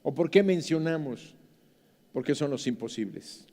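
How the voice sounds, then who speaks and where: A man with a Mexican accent preaching a sermon as pastor, dramatic, swinging from soft to loud. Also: on the high side, animated, a little slow. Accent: Mexican Spanish. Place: church. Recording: church hall reverb.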